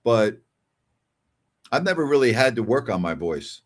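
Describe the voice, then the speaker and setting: A very animated older man hosts a casual sports call-in show, speaking at a moderate pace in a medium-pitched voice. He reads out listener messages, staying conversational and emphatic and repeating phrases for emphasis.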